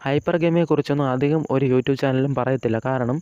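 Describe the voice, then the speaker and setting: A man's voice: medium pitch, fairly even intonation, fast, warm tone, clear, resonant tone, no echo, muffled recording. A man hosting a casual advice monologue to his viewers, telling a story in a chatty way and saying "okay" between points. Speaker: host.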